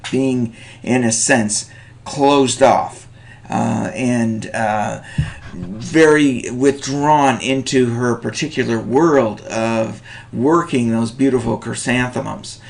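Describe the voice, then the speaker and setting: A middle-aged man lecturing on a short story, animated, with chuckling asides and many fillers. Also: medium pitch, gravelly. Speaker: teacher.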